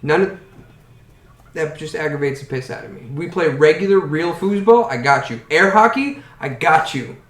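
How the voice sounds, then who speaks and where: A man's voice: fairly high pitch, normal speed. A man running a tabletop game as game master, talking casually, bluntly and with lots of swearing. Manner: profane, blunt, animated. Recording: echoey room with faint noise.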